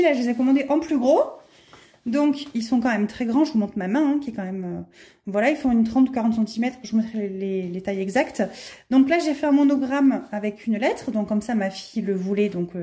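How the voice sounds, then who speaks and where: A woman's voice: on the high side, mellow. A middle-aged woman chatting casually to camera, enthusiastic and full of fillers as she shows off handmade products. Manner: enthusiastic, many fillers and repeats. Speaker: vlogger showing handmade products.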